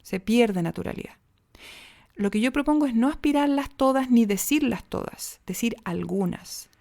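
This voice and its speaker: A woman with a Chilean accent, a speech coach giving a podcast lesson on diction with deliberate pauses and soft near-whispers for emphasis. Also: fairly high pitch, expressive, vocal fry. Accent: Chilean Spanish.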